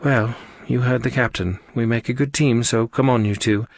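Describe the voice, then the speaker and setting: A man voicing a brisk, bossy young woman starship officer in an audiobook, giving orders. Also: mid-range voice, steady tone, vocal fry, no room sound, studio quality, voice pushed up. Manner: commanding, brisk.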